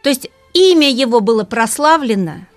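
A woman guest speaking as a music expert, explaining things lively and asking rhetorical questions. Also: fairly high pitch, moderate pace, dry recording. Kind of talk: radio talk about opera.

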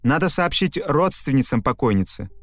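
A man voicing Iliko, a mischievous, joking old village man, with a raised and lively voice in an audiobook reading. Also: medium pitch, normal speed, no echo, voice pushed up. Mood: mocking.

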